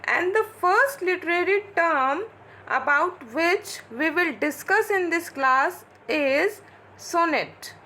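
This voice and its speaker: A woman's voice: extremely high pitch, pushed and bright. A woman teacher giving a lecture, asking questions and answering them herself as she explains. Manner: explains slowly, asks and answers her own questions. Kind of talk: classroom lecture mixing Hindi and English.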